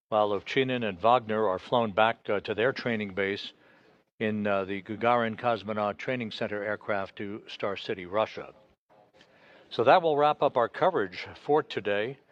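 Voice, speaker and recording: Low-voiced man giving live official commentary. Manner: measured, official announcing with hesitant pauses. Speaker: mission control commentator. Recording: dull, band-limited broadcast audio.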